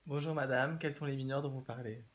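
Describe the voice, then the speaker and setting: A man's voice: mid-range voice, fairly even intonation, fairly quick. A man working as an interviewing reporter, asking brief questions. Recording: noisy, uneven distant pickup.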